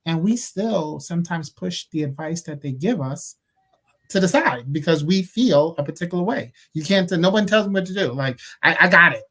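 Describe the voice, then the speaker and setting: Man, panel member at a church talk; animated, playful quoting. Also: a little high, normal speed.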